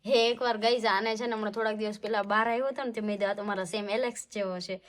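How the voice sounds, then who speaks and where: A young woman, talking gently at home and cooing to a dog. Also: medium pitch, steady tone, racing, a little hiss or hum. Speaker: vlogger's wife. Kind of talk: casual home conversation.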